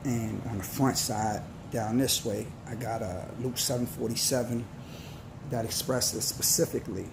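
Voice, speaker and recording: A man's voice: medium pitch, steady tone, creaky, noisy background. A man in his forties giving an earnest, slangy motivational talk to his viewers. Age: 40s. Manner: earnest, preachy, slangy and slow. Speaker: vlogger.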